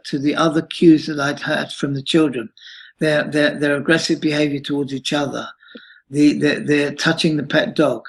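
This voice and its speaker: A man in his late fifties, recounting a troubling experience in a halting interview answer with many restarts. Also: on the high side, vocal fry, fairly bright tone, poor audio. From United Kingdom. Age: 50s. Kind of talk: emotional personal account.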